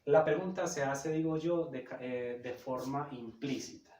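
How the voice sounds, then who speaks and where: A man's voice: medium pitch, normal speed, darkish tone, slight background noise. Didactic man, roomy and distant. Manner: didactic, emphatic, checks in with "cierto?". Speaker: psychoanalysis lecturer. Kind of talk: explanatory talk on psychoanalysis. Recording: roomy echo, a bit far from the mic.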